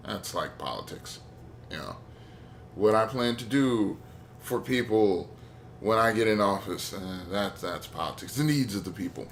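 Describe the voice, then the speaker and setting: A man hosts a let's play, talking through the game in a rambling, opinionated way and cracking jokes as he goes. His voice sits a little low, with a faint hiss under the recording. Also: a bit bright. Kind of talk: gameplay commentary.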